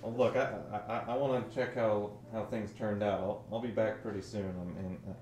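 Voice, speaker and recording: Low-voiced man drawling in character. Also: steady tone, darkish tone, roomy sound, a little hiss or hum, low-quality recording. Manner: drawling, halting in-character speech. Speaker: player. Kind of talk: in-character tabletop role-play.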